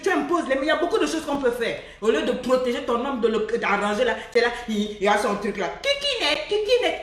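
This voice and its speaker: A woman giving a lively, preachy love-coaching talk. She laughs often and mimics the people she talks about. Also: high voice, roomy sound, distant mic. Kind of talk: live-streamed motivational talk.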